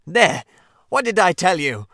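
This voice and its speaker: A man voicing an impatient, excitable male rat who speaks emphatically and forcefully. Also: high-pitched, takes it slowly, no room sound, clean studio sound, pitched above the performer's own voice, heavily acted.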